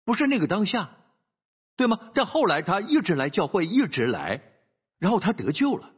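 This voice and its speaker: A male pastor preaching a sermon, telling a story in an animated way and often asking his listeners "right?". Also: sits high, moderate pace, husky, highs cut off.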